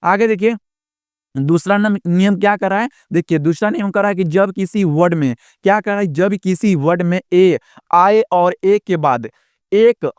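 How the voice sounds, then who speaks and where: High, clear-voiced man teaching a lesson. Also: darkish tone, no room sound. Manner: repetitive, drawn-out classroom explaining with many fillers. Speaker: English teacher. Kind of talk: casual spoken lesson.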